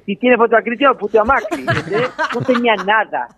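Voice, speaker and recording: An Argentine comedian telling a story on a radio show, acting out the lines of the people in it. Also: male voice, very high-pitched, quick pace, crowd noise. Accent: Argentine Spanish. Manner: animated storyteller acting out dialogue. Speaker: comedian guest. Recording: tinny phone line.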